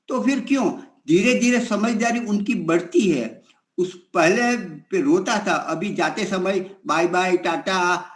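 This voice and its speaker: A man in his sixties giving a slow, reflective spiritual discourse, telling stories with pauses and fillers. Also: high-pitched, echoey room. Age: 60s. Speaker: spiritual teacher.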